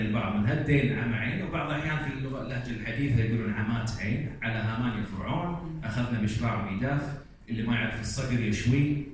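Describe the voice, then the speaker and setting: A man with a Kuwaiti Arabic accent presenting at an academic conference, explaining and reciting example after example, recorded from a distance in a large hall. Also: mid-range voice. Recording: echoey hall, distant mic, faint room noise.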